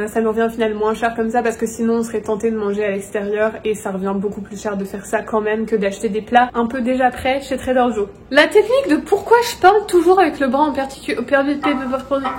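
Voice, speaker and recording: A woman's voice: fairly high pitch, far from the mic, a little hiss or hum. Chatty French woman vlogging, echoey room. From France. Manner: chatty, showing groceries to camera. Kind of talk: casual vlog chat. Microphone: phone camera.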